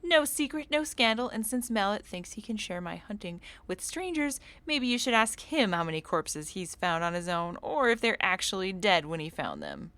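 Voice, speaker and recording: A woman's voice: medium pitch, sing-song, moderate pace, hardly any pauses, a bit bright, no echo. A woman voicing a defensive, jumpy female cultist in a game, speaking bluntly.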